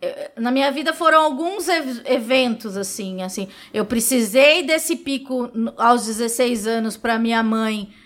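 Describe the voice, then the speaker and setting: Brazilian woman guest, slightly high voice, expressive storyteller who laughs and swears freely. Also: unhurried, hardly any pauses. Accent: Brazilian Portuguese. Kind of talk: candid interview storytelling.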